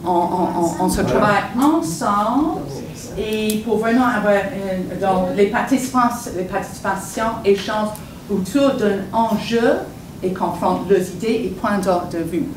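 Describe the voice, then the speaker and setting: Her mid-range voice moves at a measured pace as this woman, a native English speaker, makes an unscripted comment at a public meeting. She searches for words and restarts many times. It's recorded in an echoey meeting hall from a distant microphone, with background noise.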